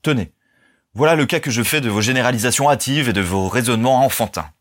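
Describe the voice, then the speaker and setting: A man's voice: mid-range voice, fast talker, a bit bright, voice pushed up, lightly acted. A man reading aloud and voicing an indignant, pompous older lawyer in a storybook, his voice raised and contemptuous. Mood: indignant scorn. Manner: blustering, contemptuous outbursts.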